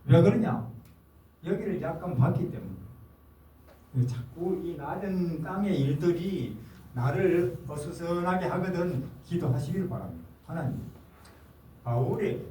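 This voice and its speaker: A man's voice: a little high, expressive, measured pace, warm tone. An older man, a missionary, giving an earnest sermon in a hall and often answering his own questions. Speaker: missionary preacher. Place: forum hall. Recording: roomy hall, mic at a distance, faint noise.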